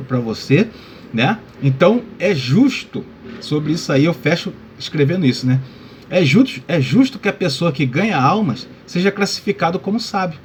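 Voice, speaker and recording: A man with a fairly high voice teaches a Bible lesson in a laid-back way, calling his listeners brother and frequently checking in with "tá?" and "né?". A little hiss or hum is audible.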